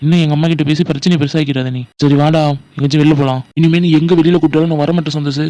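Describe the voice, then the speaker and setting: Actor for a bickering young college man, quick talker, a bit high. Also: steady tone, mellow, lightly acted. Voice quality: brash, bickering banter. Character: young college man quarrelling with his friend. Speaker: college student. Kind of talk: village family drama acting.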